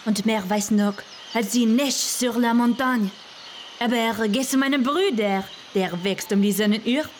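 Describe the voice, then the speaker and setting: A woman's voice: a little high, unhurried, a little hiss or hum, lightly acted. A woman doing a haughty French-accented rose bush.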